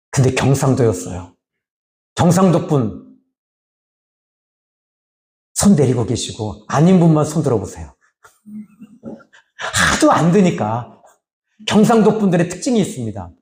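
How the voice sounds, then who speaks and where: A middle-aged man preaching as a pastor in a church, lively and rising when he voices God's words, then dropping low for asides. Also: normal speed, pauses often. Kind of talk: sermon. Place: church sanctuary. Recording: echoey church hall.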